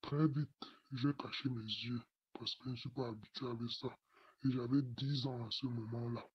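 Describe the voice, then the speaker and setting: A young man in his late teens, his voice altered by a voice changer, reading a personal testimony in a halting way. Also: medium pitch, husky, dry recording, lo-fi sound. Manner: slow, flat, halting delivery. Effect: voice changer disguising the voice.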